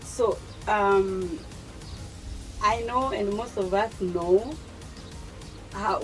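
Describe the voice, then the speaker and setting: A woman with a Kenyan accent hosts a relaxed interview, her voice in an ordinary middle register. She asks questions in an easy, encouraging way. Soft music plays quietly in the background. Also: mid-range voice, low-quality recording. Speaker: interviewer, channel host. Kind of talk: casual interview chat.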